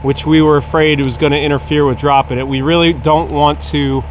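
A man with a slightly high voice teases his partner as they clear trees on a wooded hillside. A loud machine engine runs clearly behind him, caught on an outdoor camera mic. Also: flat delivery, brisk, slight background noise, low-quality recording. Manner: teasing, playful banter. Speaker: homesteading channel co-host. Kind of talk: casual joking chat while working.

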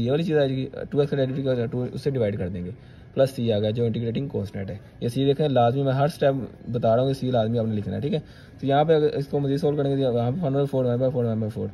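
A man's voice: medium pitch, mellow, a little hiss or hum. A male maths teacher, talking students through each step of a solution and checking in with "theek hai".

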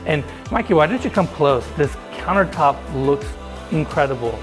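A man's voice: on the high side, expressive, moderate pace, over music. Chatty man touring a house. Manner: enthusiastic, chatty, addresses viewers directly. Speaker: home tour host. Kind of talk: casual walkthrough narration. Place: large indoor house basement. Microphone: lapel mic.

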